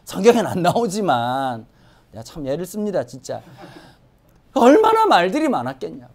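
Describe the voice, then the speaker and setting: A woman pastor preaching a Sunday sermon in a church, swinging from hushed asides to emphatic exclamations. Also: on the low side, huge pitch swings, normal speed. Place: church sanctuary.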